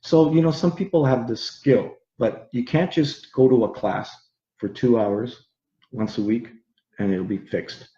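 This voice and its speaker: A Canadian man, an English teacher, explaining earnestly and slowly with examples in a casual interview. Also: medium pitch, dark tone. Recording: roomy, dull sound.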